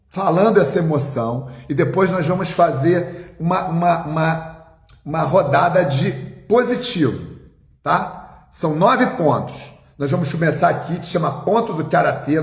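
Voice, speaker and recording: A male therapist leading a guided tapping exercise on a live stream, giving calm step-by-step instructions and slowly repeating affirmations. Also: on the high side, gravelly, reverberant.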